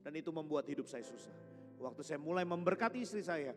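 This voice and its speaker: A man preaching a lively sermon, joking and drawing responses from the congregation. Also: on the high side, fast. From Indonesia. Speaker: pastor. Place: church hall. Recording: music behind, long hall reverb.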